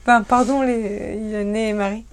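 A woman's voice: on the high side, fairly even intonation, clean tone. Tipsy, chatty woman. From France. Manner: chatty, laughing, speaks fast. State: tipsy from wine. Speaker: livestream co-host. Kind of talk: casual livestream chat.

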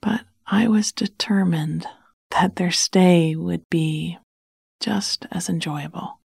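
A woman narrating a bedtime story in a soft, hushed, soothing whisper close to the mic. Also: lowish voice, slow pace, gravelly, breathy edge, dry recording.

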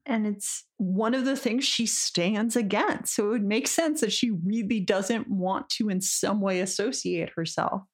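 A woman's voice: medium pitch, a little slow, few pauses. A woman co-hosting a podcast, agreeing often and adding ideas with laughing asides, on a studio mic. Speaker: podcast co-host. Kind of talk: casual chat. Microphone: studio mic on boom arm.

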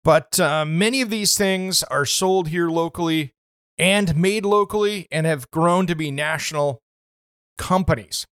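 A man's voice: fairly high pitch, unhurried, clean tone, no room sound, clean studio sound. A man hosting a home improvement radio show, talking casually about products with plenty of fillers. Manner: chatty, relaxed, many "uh" fillers. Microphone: studio microphone.

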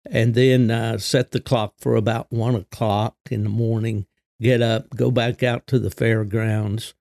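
An older man with a gravelly voice, hosting a solo podcast in a folksy, unhurried, conversational way. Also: on the low side, level tone, a little mellow, no room sound, studio quality. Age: 60s or older. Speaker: podcast host.

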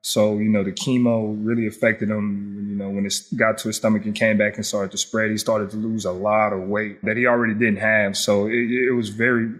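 A man's voice: lowish voice, flat delivery, brisk, hardly any pauses. A young man, an interview guest, recalls a personal loss in a reflective way, often saying "you know".

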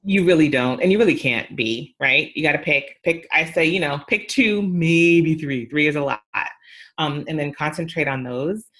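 A middle-aged woman with a slightly low-pitched voice, chatting in a relaxed podcast conversation. She talks emphatically and leans on fillers like "um" and "you know". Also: normal speed, hardly any pauses. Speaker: podcast guest, PR and social media adviser.

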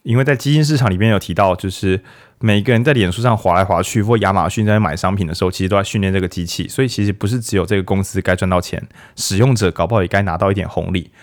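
A man's voice: low voice, fast talker. A man hosting a casual book talk, chatty and joking, firing off rhetorical questions. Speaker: podcast host of a book talk.

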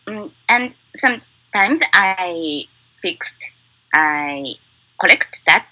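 Woman, native Japanese speaker, Japanese accent, halting learner English, slow pace, lively intonation, interview guest. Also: fairly low pitch, muffled recording.

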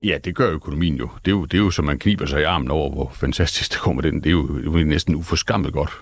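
A man in his fifties, a panel guest chatting casually, hesitant with many fillers and dry humor. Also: a bass voice. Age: 50s. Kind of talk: casual talk-show chat.

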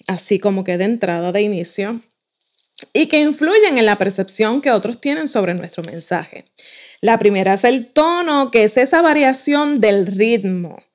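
A woman giving a lesson on the speaking voice, explaining its qualities in a clear, measured way and speaking straight to her listeners. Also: fairly high pitch. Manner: clear, measured teaching with direct address to listeners. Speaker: voice coach.

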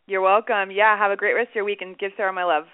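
A woman's voice: mid-range voice, fairly even intonation, fast talker, no echo. Effusive woman hosting over a tinny line. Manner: effusive, informal. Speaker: radio show host. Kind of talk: casual chatty interviewing. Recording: dry, tinny phone-like radio sound.

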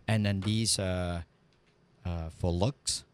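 Vietnamese-accented man in his 40s, engineer guest, halting speech full of fillers, lowish voice. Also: fairly even intonation, slight background noise. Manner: hesitant, many fillers, broken grammar. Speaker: guest, custom gunsmith and engineer. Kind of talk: casual interview.

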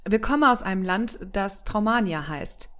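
A woman's voice: mid-range voice, lively intonation, moderate pace, fairly bright tone, close to an everyday voice. A woman as a cheerful female Santa. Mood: friendly. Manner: friendly, breezy, reassuring.

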